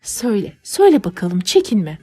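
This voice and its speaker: A woman's voice: mid-range voice, very animated, moderate pace, warm tone, slightly rough. Woman playing an old nanny, fussy, motherly, exclaiming, storybook. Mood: soothing.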